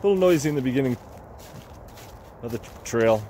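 A man of middle pitch, chatting casually to the camera he holds as he walks a woodland trail by a lake. He talks in an easygoing, rambling way and repeats the openings of his phrases. Faint hiss and distant highway traffic sit under the outdoor recording. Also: lively intonation, a little fast, mellow. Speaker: hiking vlogger. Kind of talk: casual walking commentary to camera. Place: outdoors on a wooded lakeside trail. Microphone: handheld camera or phone held by the walker.

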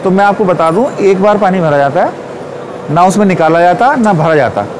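A man in his forties giving a confident, persuasive sales pitch at a stall in a large exhibition hall. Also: expressive, moderate pace, background noise. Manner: confident, persuasive, gestures while explaining. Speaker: pool company representative.

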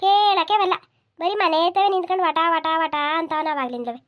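A high, shrill village housewife from a cartoon, voiced by a woman, nagging and complaining. She scolds and grumbles about housework without pause. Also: lively intonation. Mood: chatty. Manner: scolding, complaining sing-song. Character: nagging village housewife, busy and sharp-tongued. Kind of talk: comedy cartoon dubbing.

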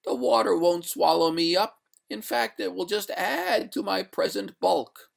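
A narrator voicing a genteel, haughty female water ghost in a storybook, pleading in drawn-out, breathy, melodramatic wails. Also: medium pitch, pitched above the performer's own voice. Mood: defiant.

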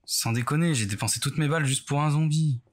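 A man's voice: fairly high pitch, quick pace, slight background noise. A man doing casual let's play commentary as a horror game streamer, rambling nervously and self-mockingly as he talks to himself. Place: bedroom at home, indoors.

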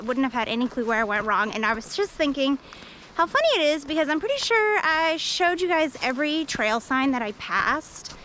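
A woman's voice: high voice, pushed and bright, a little hiss or hum, low-quality recording. Rambling woman vlogging on a forest trail. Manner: rambling, self-deprecating, many fillers. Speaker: hiking vlogger. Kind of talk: casual vlog narration while hiking. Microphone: action camera.

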